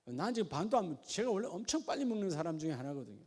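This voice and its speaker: A man preaching a sermon, asking the congregation questions in a folksy way and at times dropping to a quiet, chatty aside. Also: sits high, very animated, very fast. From Gyeongsang region of Korea. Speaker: pastor.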